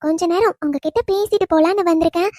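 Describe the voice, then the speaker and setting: Cartoon: loving ghost wife, high mellow voice, teasing, woman performer. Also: fast, dry recording, clean studio sound. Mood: tender teasing. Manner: affectionate teasing, soft laughs. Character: young wife's gentle spirit, teasing and loving. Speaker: dead wife visiting husband. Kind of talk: cartoon voice acting.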